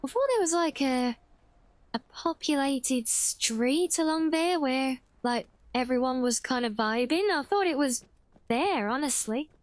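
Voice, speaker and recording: Female streamer, high-pitched, chatty and rambling, casual gameplay talk. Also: animated, measured pace, dry recording. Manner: chatty, rambling, thinking aloud. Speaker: game streamer.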